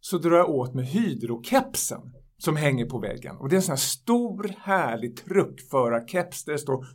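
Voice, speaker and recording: A man telling a self-mocking story in a casual, animated way, with lots of fillers. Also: on the high side. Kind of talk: casual anecdote.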